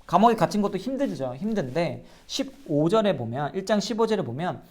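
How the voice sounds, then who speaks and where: A pastor teaching a Bible class delivers an earnest, sermon-style lecture, posing rhetorical questions to his listeners. His voice is high-pitched, sing-song, and darkish in tone, and he speaks briskly.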